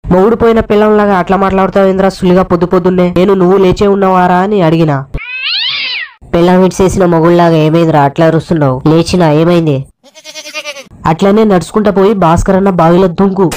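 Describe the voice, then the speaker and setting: A woman's voice: fairly low pitch, darkish tone, lightly acted, rough recording. A woman voicing a crude cheeky Telangana lad. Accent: Telangana Telugu. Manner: crude bantering, wheedling. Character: cheeky young man, crude joker.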